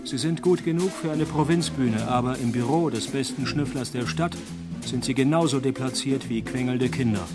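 Actor playing a deadpan noir private detective. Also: male voice, mid-range voice, moderate pace, over loud music, lightly acted. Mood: deadpan, cynical. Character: cynical, wisecracking male noir private detective. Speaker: narrator and lead actor of a detective radio play. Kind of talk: noir detective parody radio drama, first-person narration.

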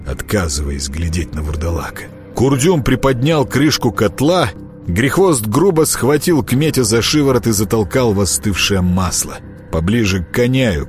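A man reading a dark fantasy audiobook in an expressive, dramatic way. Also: lowish voice. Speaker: audiobook narrator.

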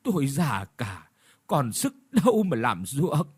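A man voicing a frail woman of about eighty who begs slowly and tearfully for mercy. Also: medium pitch, huge pitch swings, breathy edge, exaggerated voice. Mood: tearful begging. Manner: slow, begging, tearful. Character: frail old woman near eighty, pleading.

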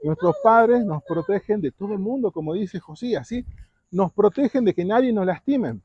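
Talking to preteens at a retreat about the Bible, this man keeps quizzing his listeners and tacking "¿sí?" onto what he says. His high voice is animated, a little mellow, and husky, at a moderate pace. There's no room sound, and the recording is dull lo-fi.

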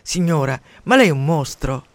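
A man's voice: medium pitch, animated, fairly quick, dry recording, voice pushed down. A man voicing an indignant village priest who scolds in outrage, in a radio story reading. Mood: outraged.

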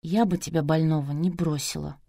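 A woman voicing a sharp-tongued woman who speaks in a quiet huffy way in an audiobook. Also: sits low, fairly even intonation, brisk, gravelly, no room sound, clean studio sound.

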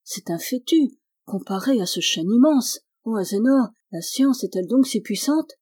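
A woman's voice: on the high side, lively intonation, normal speed, a little mellow. A woman doing a timid young storybook brother. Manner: timid, pleading, anxious. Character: timid frightened young man, gentle brother.

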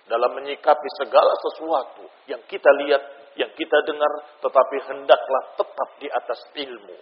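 A man giving a Friday sermon, impassioned, moving between loud emphasis and quiet low passages. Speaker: preacher. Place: mosque. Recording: dull, muffled sound with long hall reverb.

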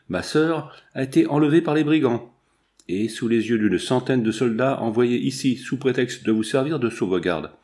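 A man's voice: medium pitch, darkish tone, natural voice. A man reading as an impassioned young artist. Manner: impassioned, pleading. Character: young man, passionate artist seeking his sister.

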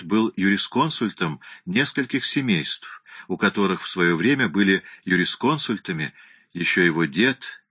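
A man reading a novel aloud as an audiobook narrator in a measured, even storytelling manner. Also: low voice, no room sound. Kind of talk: scripted narration.

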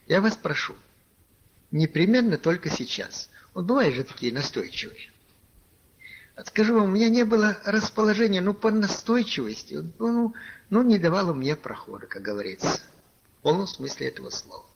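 A man's voice: high voice, very animated, fairly quick, gravelly. A man preaching a conversational sermon, telling a personal story and addressing his listeners as brothers, with many filler words. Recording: lo-fi archival tape recording.

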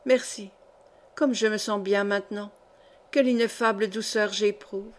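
A woman voicing a frail, fretful dying noblewoman in an audiobook, soft and plaintive. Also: medium pitch, steady tone, normal speed, lightly acted. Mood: serene. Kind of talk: audiobook character reading.

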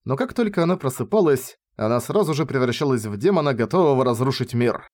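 A man narrating a light novel audiobook in a steady, even reading. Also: mid-range voice, fast.

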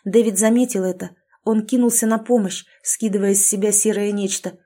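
A woman reading a dark fantasy story aloud in the first person, with an expressive, intense delivery. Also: medium pitch, fairly quick. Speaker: audiobook narrator.

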